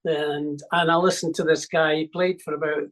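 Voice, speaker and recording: Older Scottish man, halting storyteller. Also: a little high, level tone, fairly bright tone, poor audio. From Scotland. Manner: hesitant, full of ums and restarts. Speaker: musician guest. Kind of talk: reminiscing interview.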